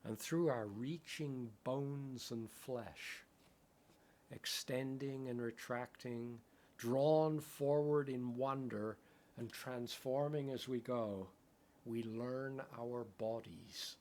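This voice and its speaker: A Buddhist meditation teacher, a native English speaker, gives a contemplative dharma talk in a slow, mid-range voice with a darkish tone. He speaks in poetic phrases and often checks in with "right?".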